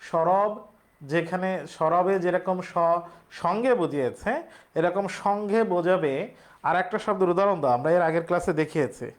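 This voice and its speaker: A young man teaching a live online class. He explains step by step, repeats key words, asks the class questions and reads examples slowly with a rising tone. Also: high-pitched.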